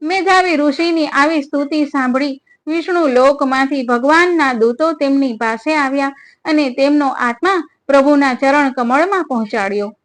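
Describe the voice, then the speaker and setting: A woman with a high voice reads devotional tales in a steady, measured way. It is scripted religious storytelling. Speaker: narrator of devotional stories.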